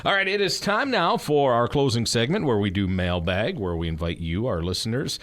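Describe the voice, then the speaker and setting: A man's voice: medium pitch, expressive, moderate pace, fairly bright tone. A man hosting a radio show in a casual, chatty and affirming way.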